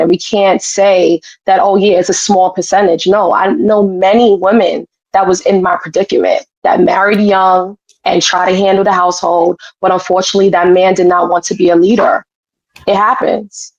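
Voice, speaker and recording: A woman's voice: medium pitch, no room sound. A woman earnestly giving a personal account in a group discussion, repeating herself for emphasis, recorded slightly dull.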